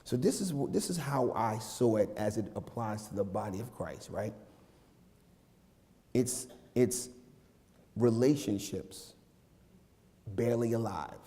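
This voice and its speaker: A man's voice: fairly low pitch, animated, a little slow, long pauses, warm tone. A man in his forties, a minister, giving a joking, conversational sermon with playful asides. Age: 40s. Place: church sanctuary. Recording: long reverb of a large church.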